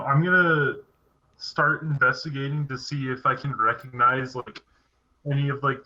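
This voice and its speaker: A man casually playing a tabletop game, hesitant with many fillers. His tone is very bright and sharp, on slightly dull podcast audio. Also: medium pitch. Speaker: player.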